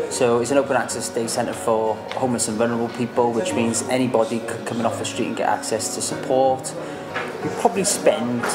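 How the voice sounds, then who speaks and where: A man explaining a charity's work in an interview. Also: mid-range voice. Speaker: charity representative being interviewed.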